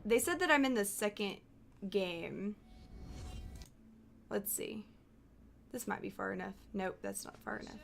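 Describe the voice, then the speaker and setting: A woman from Texas, chatting casually on a game stream, excitable, laughing often and swearing freely. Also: mid-range voice, unhurried, gravelly, long pauses, a little hiss or hum. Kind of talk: casual live-stream chat.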